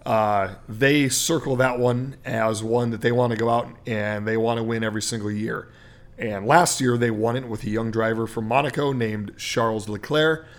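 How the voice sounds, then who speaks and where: A man's voice: medium pitch, fairly even intonation, moderate pace. A man co-hosting a sports podcast, explaining racing at length in a casual chat, with many fillers. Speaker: podcast co-host.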